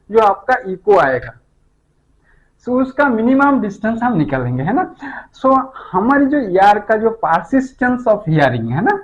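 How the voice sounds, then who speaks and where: Male physics teacher, middle-aged, fairly high voice, patient step-by-step explainer. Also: low-quality recording. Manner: explains step by step, often checks with "है ना?". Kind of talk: classroom lecture.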